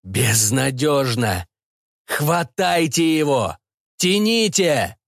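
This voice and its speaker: A man voicing a weary, scornful male mentor who speaks in a slow, croaking drawl. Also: mid-range voice, sing-song, no room sound, studio quality, heavily acted. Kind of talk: audiobook character voice.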